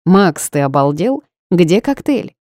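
A woman voicing a brash, bossy young woman who is a pushy friend, speaking loudly and emphatically. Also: on the low side, big pitch swings, slow, dry recording, clean studio sound. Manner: loud, emphatic, commanding.

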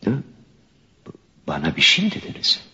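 A man's voice: normal speed, bright, forceful tone. An actor playing an anxious, remorseful young man haunted by a blood feud, speaking emotionally and sometimes in whispered inner thoughts. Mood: dazed calm. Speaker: radio drama actor. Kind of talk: 1970s-style Turkish radio theatre acting. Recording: muffled archival radio recording with faint hiss.

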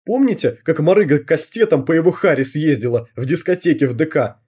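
A man's voice: a little high, brisk, darkish tone, husky. A man voicing a mocking, scornful teenage schoolgirl in an audiobook reading. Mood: gleeful.

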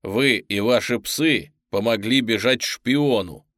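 A man's voice: mid-range voice, slow, a bit bright, no room sound, clean studio sound. A man voicing a curt army lieutenant who barks orders. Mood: barking. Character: gruff barking army lieutenant, a young man.

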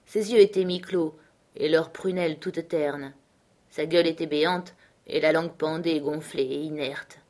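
A woman narrating a novel as an audiobook, measured and clear. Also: deep voice, fairly even intonation, darkish tone.

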